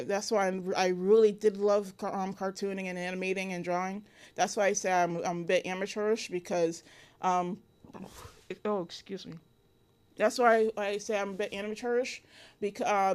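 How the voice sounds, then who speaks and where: A woman's voice: medium pitch, clear, resonant tone. Hesitant woman full of ums. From Connecticut, USA. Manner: hesitant, many fillers and restarts. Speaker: interview guest, illustrator and cartoonist. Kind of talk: casual interview.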